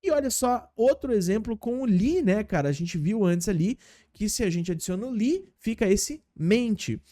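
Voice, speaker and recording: A man's voice: high-pitched, lively intonation, normal speed, mellow. A man teaching English in a casual video lesson, explaining step by step and often checking in with his viewers.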